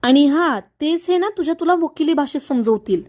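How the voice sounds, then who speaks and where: Lady narrator putting on an enraged jilted young woman, shrill and high, yelling accusations. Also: animated, normal speed. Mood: furious. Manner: shouting accusations, high and sharp. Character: furious scheming young woman, fiancée betrayed.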